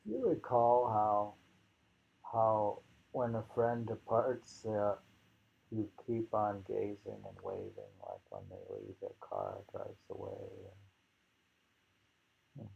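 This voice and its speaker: This poetry reader has a lowish, gravelly, husky voice with a sing-song lilt. He works through the poems in a slow, halting, musing manner, repeating lines and tossing in informal, wandering commentary, all captured on a dull lo-fi recording.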